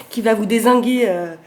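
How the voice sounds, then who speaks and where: A woman's voice: medium pitch, a little mellow. A woman with a Portuguese accent speaking French, gushing over oracle cards in a casual vlog, full of fillers and restarts. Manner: effusive, many fillers and restarts. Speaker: oracle card reviewer. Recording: roomy home recording with faint background noise.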